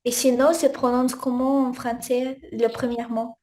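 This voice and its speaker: A woman's voice: on the high side, flat delivery, unhurried, darkish tone. A woman studying French, asking questions hesitantly and searching for words on a video call. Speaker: language student.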